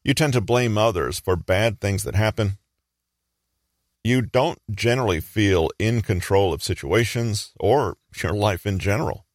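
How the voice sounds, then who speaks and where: Deep-voiced man narrating a lesson. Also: a little slow, dry recording, clean studio sound. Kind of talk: scripted educational narration.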